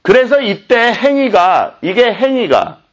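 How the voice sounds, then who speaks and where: Indignant Korean pastor, high lively voice. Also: male voice, slow. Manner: indignant, impassioned. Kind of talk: sermon.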